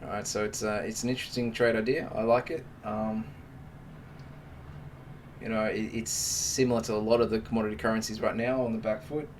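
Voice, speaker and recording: A man's voice: fairly low pitch, flat delivery, brisk, far from the mic, slight background noise. Chatty man doing live market commentary. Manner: chatty and joking, talks to the viewers as mates. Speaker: live-stream trading host.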